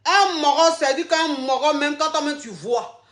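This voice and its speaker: A high, bright woman's voice on a live stream, exuberant and teasing, drawing out her words for emphasis. She sounds a little out of breath. The echo of a roomy space hangs around every sentence. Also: moderate pace. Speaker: online coach, live streamer. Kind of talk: casual live stream chat to viewers. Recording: echoey room.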